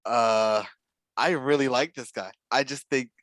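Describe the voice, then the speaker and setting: A man's voice: mid-range voice, measured pace, fairly bright tone, dry recording. Casual male co-host, analytical and hedging, dry close sound. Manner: analytical, hedging with many fillers. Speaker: podcast co-host. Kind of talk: casual basketball draft chat.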